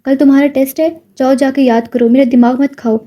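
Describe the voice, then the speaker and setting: A woman's voice: high voice, level tone, natural voice. A woman voicing a bad-tempered middle-aged aunt who scolds angrily. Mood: angry. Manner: angry, shouting, scolding.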